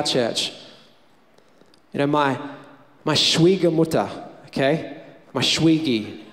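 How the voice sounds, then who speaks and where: Australian male pastor, higher-pitched voice, punchy repeated lines, reverberant church hall. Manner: energetic, emphatic, repeats phrases for effect. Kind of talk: sermon.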